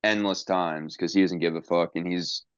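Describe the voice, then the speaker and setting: A man's voice: deep voice, fairly even intonation, normal speed, clean tone, no room sound, lo-fi sound. A man hosting a podcast in casual chat, rambling and swearing, with lots of fillers and restarts. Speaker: podcast host.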